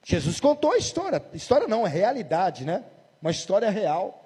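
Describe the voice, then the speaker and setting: A Brazilian pastor in his forties from São Paulo state preaches emphatically, firing rhetorical questions at his congregation in Brazilian Portuguese. His high-pitched voice moves in a sing-song, fairly quick rhythm, a little mellow with a breathy edge, and a long reverb tail trails behind it.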